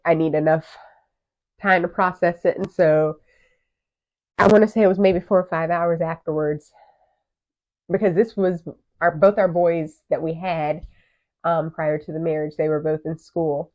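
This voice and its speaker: A woman in her thirties, co-hosting a podcast and telling a personal story in a candid, animated way. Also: sits low, normal speed. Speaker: podcast co-host. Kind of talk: casual chat. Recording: muffled lo-fi audio.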